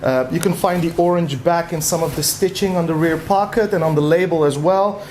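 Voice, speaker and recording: A man with a Dutch accent talks through an unboxing in loose, casual chat, full of "uh" fillers. His voice sits a touch higher than most men's. A faint hiss of noise runs under it. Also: brisk. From Netherlands. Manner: relaxed, rambling, frequent "uh" fillers. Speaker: vlog co-host.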